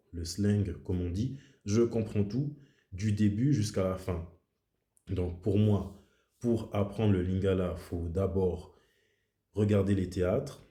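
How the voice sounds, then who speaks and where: A man with a low, very dark and mellow voice talks through his thoughts in a casual, reflective way. He circles back and repeats himself for emphasis. The sound bounces around a noticeably echoey room. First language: French. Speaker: video host. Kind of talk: casual explanatory monologue.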